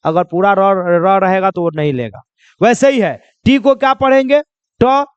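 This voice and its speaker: A man with a high, clear, resonant voice and big pitch swings teaches pronunciation in a classroom lesson. The recording is muffled with no room sound. He asks and then answers his own questions, repeats key points, and spells words out slowly.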